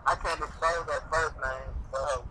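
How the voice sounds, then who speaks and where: A man's voice: fairly high pitch, steady tone, normal speed, bright, forceful tone. A young man on the phone with a friend, talking in a boastful, crude and brash casual way. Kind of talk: casual chat. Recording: phone call on speaker with faint noise.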